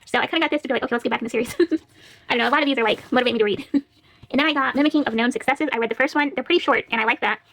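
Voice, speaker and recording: This book vlogger's voice sits high and a bit bright, and she speaks very fast. She chats informally about her library borrowings, often laughing and reading the back-cover descriptions aloud.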